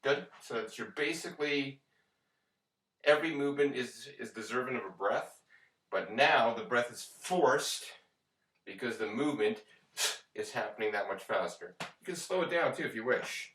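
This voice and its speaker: A man's voice: mid-range voice, lively intonation, moderate pace, fairly bright tone. A man working as a fitness instructor, explaining exercises step by step as he leads a workout. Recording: echoey room, distant microphone.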